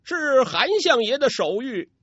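A man voicing a blustering military officer who barks orders in a pompous, shouting manner. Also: very high-pitched, big pitch swings, a little slow, dry recording, dull audio, voice pushed up, full character voice.

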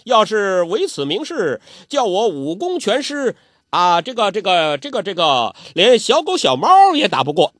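A man's voice: sits high, huge pitch swings, measured pace, a bit bright, no room sound, clean studio sound, voice pushed up, full character voice. A man voicing a playful, childish old male martial artist, who whines and teases in a petulant way. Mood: giddy. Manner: whiny, petulant, teasing.

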